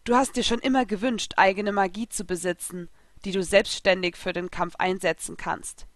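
A woman's voice: mid-range voice, steady tone, normal speed, no echo, natural voice. Woman reading a solemn spirit king. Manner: formal, ceremonial speech. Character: solemn male spirit king, regal and grave.

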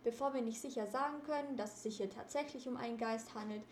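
Woman reading as a calm, lecturing boy detective. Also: fairly high pitch, quick pace, a little hiss or hum, close to an everyday voice. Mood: stern. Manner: lecturing, composed. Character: clever calm teen boy detective leader. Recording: roomy echo.

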